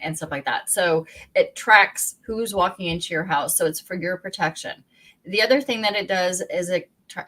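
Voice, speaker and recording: A woman's voice: fairly low pitch, sharp tone, low-quality recording. A woman co-hosting a real estate podcast, talking casually in a rambling way with frequent restarts and laughter, with a Pacific Northwest American accent. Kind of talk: casual chat.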